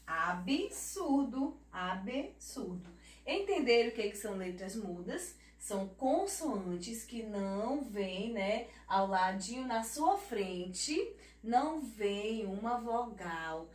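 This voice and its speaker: A Brazilian woman teaching young children, spelling words out slowly and checking in with them, recorded off-mic in an echoey room. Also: mid-range voice, expressive, darkish tone, far from the mic. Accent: Brazilian Portuguese. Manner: slow, drawn-out word spelling with tag questions; affectionate teacher talk, calls herself auntie. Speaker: primary school teacher. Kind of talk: children's lesson.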